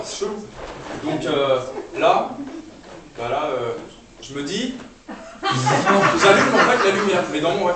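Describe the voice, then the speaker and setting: A young man doing improvised stand-up comedy with the audience, talking in a loose, chatty way with many fillers and restarts, heard from a distant mic on a live stage. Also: fairly high pitch. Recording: distant live room mic, strong echo, noisy.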